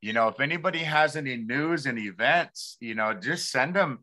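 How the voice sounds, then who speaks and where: A man from the Pacific Northwest United States hosting an informal community talk show, speaking haltingly and repeating words as he searches for the next one. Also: mid-range voice, lively intonation, bright, forceful tone. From Lummi community, Pacific Northwest United States.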